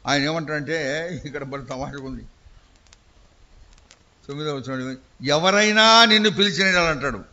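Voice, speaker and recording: A man preaching a sermon, telling the story in an animated way, acting out voices and putting questions to the congregation. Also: fairly high pitch, normal speed, pauses often, highs cut off.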